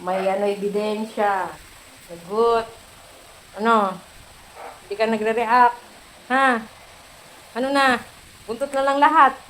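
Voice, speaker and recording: Feverish filipina vlogger at home, slow and a bit high, cooing at her cat, faint hiss behind. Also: fairly even intonation, fairly bright tone, low-quality recording. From Philippines. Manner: playful, coaxing baby-talk to her cat, frequent giggles. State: feverish and unwell. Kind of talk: casual home vlog talk. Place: at home indoors.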